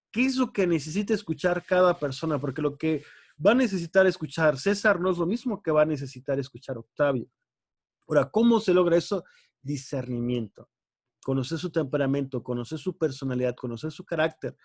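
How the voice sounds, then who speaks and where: A man's voice: on the high side, a little mellow, dry recording, clean studio sound. A man, a youth pastor teaching a Bible class in an earnest, emphatic way, asking rhetorical questions.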